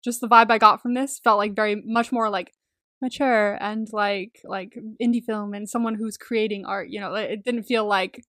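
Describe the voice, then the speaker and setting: A young woman co-hosting a podcast, chatting casually and excitably, gushing, swearing freely and rambling with lots of "like". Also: mid-range voice, normal speed, no room sound, clean studio sound. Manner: rambling, peppered with "like". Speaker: podcast co-host. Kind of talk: casual chat about a TV series.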